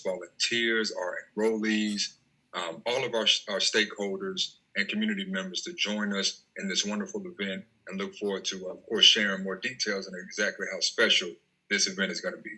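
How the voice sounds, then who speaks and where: A man's voice: deep voice, level tone, moderate pace, sharp tone, husky, rough recording. A man from Tennessee, a guest on a podcast, speaking politely and carefully as he explains. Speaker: interview guest, nonprofit co-founder. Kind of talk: casual interview chat.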